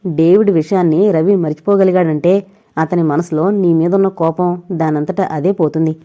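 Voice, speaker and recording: A woman voicing a practical, soothing sister-in-law who talks gently and persuasively, in a storybook reading. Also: fairly low pitch, fairly even intonation, moderate pace, highs cut off, lightly acted.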